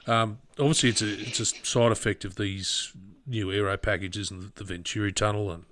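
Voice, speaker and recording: Fairly low-voiced chatty podcast co-host. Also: male voice, steady tone, moderate pace, fairly bright tone. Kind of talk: casual motorsport discussion.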